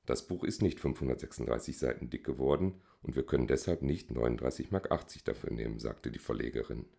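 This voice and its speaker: Very deep, gravelly male audiobook narrator. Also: fast talker, dark tone.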